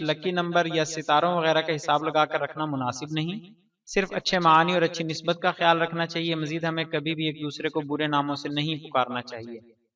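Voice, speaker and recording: A man hosting an informational channel, reading a scripted explainer in a measured way and slowly spelling out pronunciation. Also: fairly high pitch, pushed and bright. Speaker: channel host. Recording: distant, dull lo-fi voice-over.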